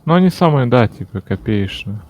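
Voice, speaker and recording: A man's voice: mid-range voice, very animated, brisk, darkish tone. A young man chatting casually while gaming, slangy and given to swearing. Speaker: gaming companion on a stream.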